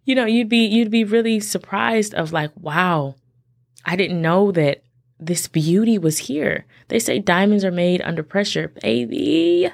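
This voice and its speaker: A woman's voice: mid-range voice, unhurried, creaky. A woman, hosting a casual solo podcast and talking chattily and animatedly to her listeners. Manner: chatty, animated, addresses listeners as y'all and sis. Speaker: podcast host.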